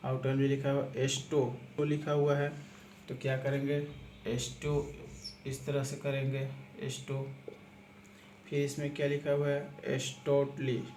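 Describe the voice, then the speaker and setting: A man's voice: mid-range voice, darkish tone. A man teaching a shorthand lesson, explaining step by step, repeating himself often and spelling words out letter by letter. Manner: repetitive, step-by-step explaining, keeps saying "aapka". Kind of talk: spoken lesson walking through examples. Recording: echoey room with clear background noise.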